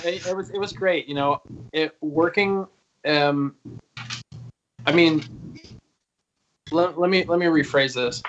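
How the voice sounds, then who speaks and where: Speaking fairly high and a bit bright, a guest singer in his early thirties jokes, swears and laughs his way through rambling stories in a relaxed video-call interview. The recording sounds muffled, with a little hiss or hum underneath.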